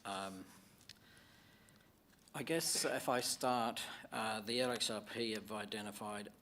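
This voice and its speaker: An Australian man, a councillor moving a motion at a formal meeting, speaking haltingly with many fillers and restarts. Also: fairly low pitch, pushed and bright, slight background noise.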